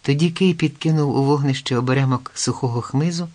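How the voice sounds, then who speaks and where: A man's voice: mid-range voice, fairly quick, darkish tone. Man narrating a folk tale. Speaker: audiobook narrator. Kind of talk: scripted narration.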